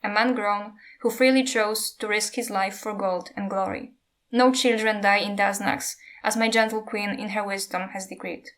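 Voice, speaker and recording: A woman reading as a smooth, placating king. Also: sits high, little pitch movement, moderate pace, a bit bright.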